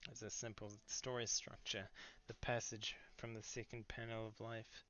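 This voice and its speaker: A young man giving a grandiose, mock-solemn comic monologue with deadpan earnestness and sudden loud outbursts. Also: lowish voice, normal speed. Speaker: comedic monologue performer. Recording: dull lo-fi recording.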